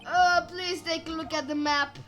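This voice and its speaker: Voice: extremely high pitch, fairly even intonation, normal speed, sharp tone, soft background music, poor audio. A player voicing a nervous, clumsy male police detective giving a plodding report.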